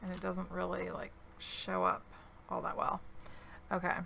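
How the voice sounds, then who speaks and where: Woman, hoarse, bright-edged voice, slow let's-play narration, faint keyboard noise. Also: fairly low pitch, flat delivery. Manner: slow, thinking aloud while playing. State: losing her voice, clearing her throat. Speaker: gaming video creator. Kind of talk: relaxed let's-play commentary.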